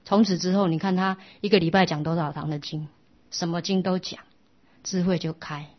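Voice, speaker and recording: A woman teaching a Buddhist dharma talk, telling a story in a gentle, storytelling way. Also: on the low side, steady tone, normal speed. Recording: dull lo-fi sound.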